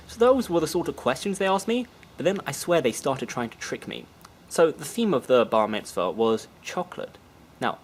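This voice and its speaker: Animated man telling funny stories. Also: medium pitch, a little hiss or hum, rough recording. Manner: animated, acts out dialogue in voices. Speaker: video journal host. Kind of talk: casual storytelling vlog.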